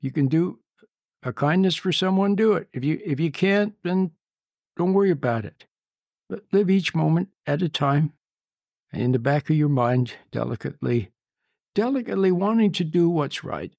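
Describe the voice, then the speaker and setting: Man preaching, gravelly voice, fairly high pitch, dry close sound, emphatic and repetitive. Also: lively intonation, moderate pace, a little mellow, no room sound. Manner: emphatic and repetitive, often asks "See?". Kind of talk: informal sermon.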